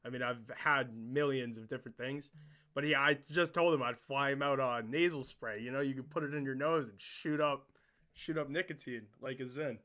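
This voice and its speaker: A man hosting a casual interview podcast, excitable and joking, swearing often as he asks questions. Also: mid-range voice, moderate pace.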